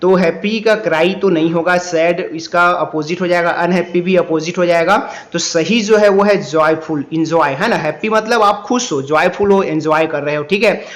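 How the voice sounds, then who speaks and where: A man with a high voice and a Chhattisgarhi Hindi accent takes viewers through exam answers like a coaching teacher. He explains patiently and checks in with little tags after each point. He slows right down whenever he reads an English question aloud. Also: a bit bright. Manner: explanatory, repeats "है ना" and "ठीक है" often, reads English questions slowly. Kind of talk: exam answer walkthrough lesson.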